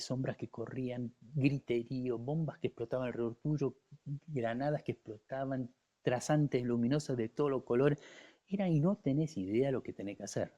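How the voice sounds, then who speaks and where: A man in his sixties with an Argentine accent recounts his war memories as an interview guest. His voice is warm and dark, at a middle pitch for a man. He tells it vividly and intensely, bringing the words of others to life. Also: dull audio. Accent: Argentine Spanish. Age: 60s. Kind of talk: first-person war storytelling in an interview.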